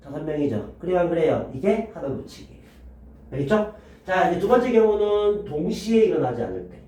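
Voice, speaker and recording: A man teaching math to students, lively and constantly quizzing them with questions. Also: high voice, brisk. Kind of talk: classroom lecture. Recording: echoey room, voice from a distance.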